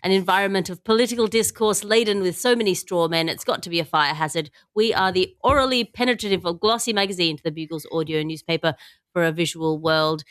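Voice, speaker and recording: A woman with a lowish, fairly bright voice talks fast. She hosts a comedy news podcast, wry and wordy, switching between mock-grandiose scripted lines and loose riffing.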